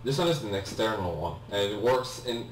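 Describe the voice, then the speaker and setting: A young Polish man, native in the language and accented in English, gives casual let's-play commentary in a lowish voice with lively intonation at a moderate pace. He keeps hesitating, saying "um," restarting and apologizing. The recording is echoey, the mic far off, with a faint hum.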